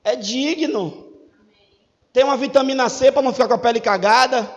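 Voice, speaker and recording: High-voiced pastor preaching in a reverberant hall. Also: male voice, brisk, lo-fi sound. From Brazil. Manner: animated and joking, swings from loud preaching to quiet asides. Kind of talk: sermon. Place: church hall. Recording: long reverb in a church hall.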